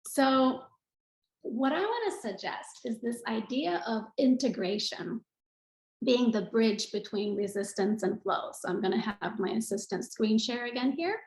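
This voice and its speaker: A woman's voice: fairly high pitch, lively intonation, unhurried. Earnest woman teaching in an echoey room. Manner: earnest, teacherly, repeats phrases for emphasis. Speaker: yoga speaker. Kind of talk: online talk with screen share.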